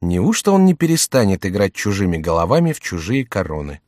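A man's voice: deep voice, sing-song, a little fast, darkish tone, no echo, studio quality. A man voicing a sardonic jester who makes wry, mocking asides, in an audiobook reading.

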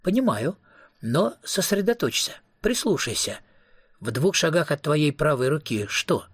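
A husky-voiced man voicing an eager, bossy young female vampire in an audiobook reading. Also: a little high, big pitch swings, measured pace, no room sound, clean studio sound, full character voice. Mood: coaxing. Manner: coaxing, teasing.

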